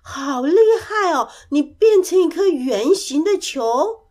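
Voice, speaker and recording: A bashful, kind little boy from a children's storybook, as a woman narrator puts him on. He sounds eager and excitable, his high voice bouncing about with lively pitch. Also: normal speed. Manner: eager, excitable, gently shy.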